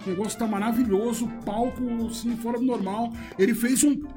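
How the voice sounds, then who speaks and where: A man's voice: very high voice, fairly even intonation, fairly quick, warm tone, faint music behind. A man, a DJ, chatting casually on a podcast, loose and laughing, swearing freely as he tells stories. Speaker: DJ guest.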